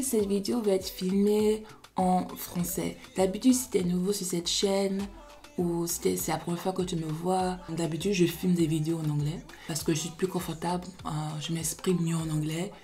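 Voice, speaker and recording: A woman's voice: on the low side, mellow. Chatty woman with a Beninese French accent. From Benin, raised in the United States. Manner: chatty, slips English phrases into her French. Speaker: beauty vlogger. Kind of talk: casual makeup tutorial.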